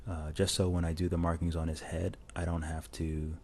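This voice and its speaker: This is a casual voice-over for a drawing tutorial, spoken by a low-voiced man at normal speed. He rambles in a relaxed manner and restarts often. The phone lavalier recording carries a little hiss or hum.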